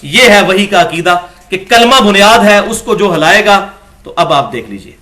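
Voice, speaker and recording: A man's voice: high voice, lively intonation, pushed and bright. A man giving a religious lecture, reading from books and arguing his points with emphatic peaks. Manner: argumentative, rising to emphatic peaks.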